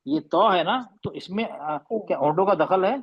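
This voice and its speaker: A man teaching Quran recitation in an online class, patiently correcting students and slowly demonstrating sounds. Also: sits high, husky, lo-fi sound. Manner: patient, slow demonstrating drills.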